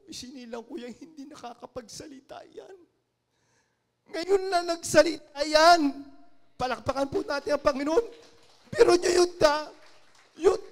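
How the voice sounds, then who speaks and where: Filipino lay preacher, high-pitched man, sermon storyteller, dips quiet then swells loud. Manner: storytelling, acting out quoted voices, swings from hushed to loud. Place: church.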